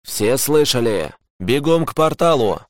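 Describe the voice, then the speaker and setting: A man's voice: medium pitch, sing-song, moderate pace, no echo, clean studio sound, voice pushed up, close to an everyday voice. A man voicing a grim male squad member, giving clipped radio calls in a raised voice. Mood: urgent, tense.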